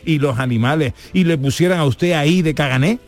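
A man's voice: fairly high pitch, fairly quick. A man hosting a light comic radio interview. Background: faint music.

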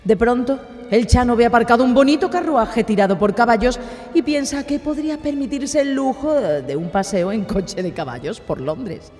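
A woman's voice: on the high side, animated, normal speed, darkish tone. A woman narrating a comedic radio sketch. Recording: hall reverb, faint music.

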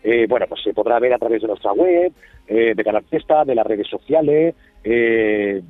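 A man's voice: medium pitch, lively intonation, moderate pace, dry recording. Man talking over a tinny phone line. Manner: hesitant, many fillers and restarts. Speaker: radio guest calling in. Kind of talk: casual promotional chat.

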